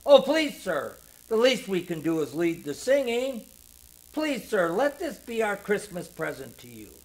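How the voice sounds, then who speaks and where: A man voicing a gruff, tearful young sailor who pleads and booms loudly. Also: very animated, a little slow, full character voice. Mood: pleading. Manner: loud, pleading and urgent.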